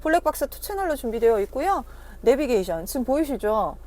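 A woman's voice: sits high, big pitch swings, fast, a little mellow. A woman car dealer doing a casual, chatty sales walkaround, persuasively addressing her customers. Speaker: used-car dealer presenting a car. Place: on location outside and inside a car.

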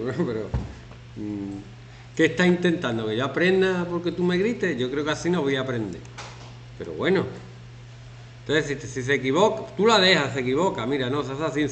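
A man in his fifties, a teacher, talking casually and jokingly to his students while working through a class activity. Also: medium pitch. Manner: chatty, joking, lively, acts out shouting examples. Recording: echoey classroom, faint background noise.

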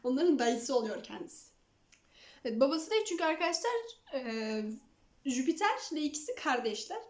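A young woman chats casually to the camera from her home, her voice high and bright. She slips into doting baby talk with her cats, and the room around her sounds echoey. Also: big pitch swings, fairly quick. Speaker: vlogger showing her cats. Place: at home, indoors.

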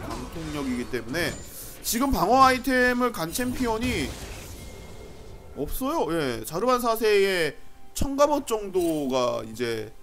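A man commentating live on an online game match. His voice sits high and moves around a lot, with an excitable delivery. Game music plays behind him. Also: a little slow. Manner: excitable, shouting at big plays.

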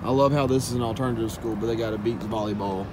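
Talking fast in a low, fairly even voice, a young pressure washing business owner casually addresses his viewers as "guys" while driving. He records on a phone held at arm's length inside the car, which could be parked or moving. Road noise and car and outdoor sounds fill the background.

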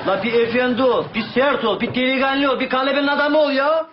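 A man's voice: extremely high pitch, steady tone, quick pace, slight background noise. A man playing an exasperated, blustering provincial man in a comedy sketch, scolding in colloquial speech. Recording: dull sound with faint music.

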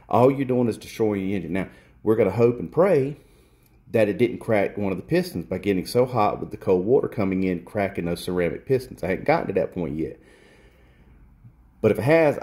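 On a handheld phone camera near the work, a repair technician in a cluttered workshop walks through a hands-on fix, bluntly lecturing and repeating points for emphasis. His voice is on the low side with a dark tone.

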